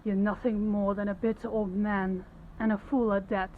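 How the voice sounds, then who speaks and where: Over phone-quality audio with slight background noise, a woman plays a young princess—stern, authoritative, compassionate, defiant—in an audio roleplay. Her medium-pitched, flat, near-everyday voice sounds indignant and scornful, and her diction stays formal, commanding, measured and principled.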